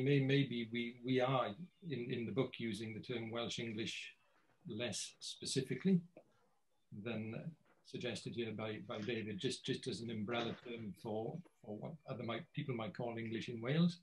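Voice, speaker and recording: A man's voice: medium pitch, steady tone, moderate pace, a little hiss or hum, poor audio. A man speaking as a guest in an academic panel conversation over a video call. He talks hesitantly, with many restarts and repeated words.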